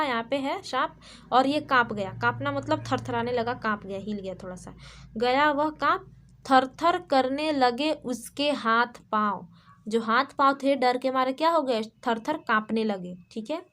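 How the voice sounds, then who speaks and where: A woman school teacher giving a recorded kindergarten lesson, patiently explaining pronunciation, repeating words and reciting poem lines slowly. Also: on the high side, fairly bright tone.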